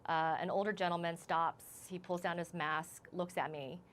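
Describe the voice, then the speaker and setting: Shaken woman reporter, halting speech. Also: on the low side, fairly even intonation, a bit bright. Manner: shaken, halting, many restarts. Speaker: news reporter. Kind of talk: live news interview, recounting events.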